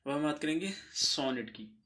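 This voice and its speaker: A man teaching a literature lesson for exam preparation, reading English definitions slowly and then explaining them, now and then clearing his throat and correcting himself. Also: fairly high pitch, lively intonation, very noisy.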